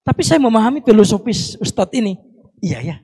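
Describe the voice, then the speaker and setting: A man's voice: high voice, very animated, a little fast, dark tone, breathy edge. A young man preaching a Ramadan sermon to a congregation, chatty and teasing, breaking into recited Arabic prayers. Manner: conversational, teasing asides to the congregation. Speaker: Islamic preacher.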